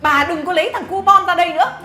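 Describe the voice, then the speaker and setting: An actress with a very high-pitched, fast, sharp voice plays a scornful, bossy mother-in-law in a family drama, scolding and mocking with sneering laughs. The sound is roomy, with faint music behind.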